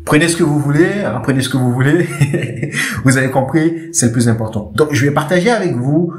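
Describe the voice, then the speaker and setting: A man hosting a podcast on eloquence, talking straight to listeners in a lively, repetitive manner. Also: on the high side, fairly quick, echoey room. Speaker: eloquence coach, podcast host. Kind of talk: casual instructional talk. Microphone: podcast microphone.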